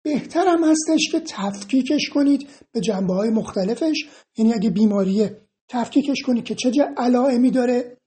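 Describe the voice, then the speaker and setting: An EFT instructor answers viewer questions one at a time in an informal explanatory Q&A monologue, reading each aloud before explaining her answer. Her somewhat high voice is soft and mellow, and her tone is calm and reassuring.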